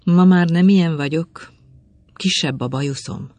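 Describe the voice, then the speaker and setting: A reader doing a fussy old gentleman with a cane. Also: medium pitch, dry recording, lightly acted. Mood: teasing.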